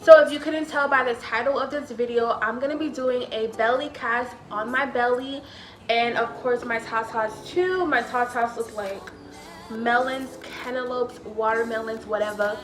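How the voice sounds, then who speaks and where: A young woman talks to her camera in a relaxed, rambling vlog style, her voice sitting a little high. She sounds slightly out of breath and keeps trailing off with casual filler. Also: normal speed, echoey room, soft background music. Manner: chatty, loose, trailing off with "or whatever". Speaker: vlogger.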